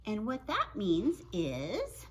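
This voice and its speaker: Woman, teacher reading a children's story, slow and unhurried, sing-song, very lively pitch. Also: a little hiss or hum, low-quality recording. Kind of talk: children's story read-aloud.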